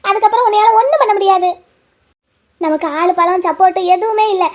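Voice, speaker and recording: A woman's voice: extremely high pitch, brisk, muffled recording. A woman voicing a worried elderly grandmother in a cartoon, pleading, scolding and wailing. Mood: fearful. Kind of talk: cartoon voice acting.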